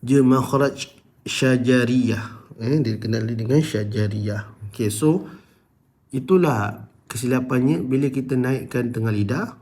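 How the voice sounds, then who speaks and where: A Malaysian man teaches Quran recitation at an unhurried, patient pace. His steady, mid-pitched explanations keep stopping for long, louder chanted examples. He checks in with his listeners again and again. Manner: addresses listeners as "tuan-tuan", checks with "okey?". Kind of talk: tajwid lesson with recited examples.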